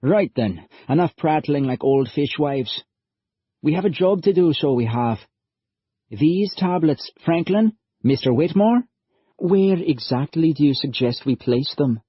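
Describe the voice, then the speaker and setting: A husky-voiced man voicing an earnest young male time-traveller who talks in a lively, folksy way. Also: fairly high pitch, measured pace, dry recording, pitched above the performer's own voice. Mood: brisk. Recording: dull lo-fi audiobook recording.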